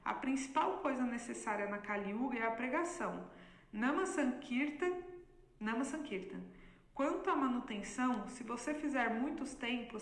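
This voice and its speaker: A woman reading a question-and-answer text aloud in a steady, explanatory way. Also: on the high side. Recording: echoey room.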